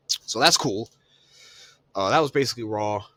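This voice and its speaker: Deep-voiced man recapping wrestling casually. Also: animated, normal speed, bright, forceful tone, breathy edge, no room sound. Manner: loose and profane, lots of fillers. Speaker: podcast co-host.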